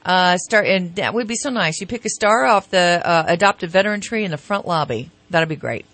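A woman radio co-host making a casual announcement, halting and correcting herself. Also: on the low side, expressive, a bit bright, no echo. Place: radio studio.

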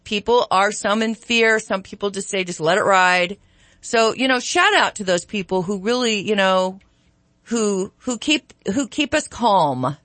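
A woman's voice: medium pitch, expressive, measured pace, fairly bright tone, dry recording. Reflective, rambling woman co-hosting dry-sounding radio. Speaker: radio show co-host. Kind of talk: casual, ad-libbed morning radio talk. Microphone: studio broadcast microphone.

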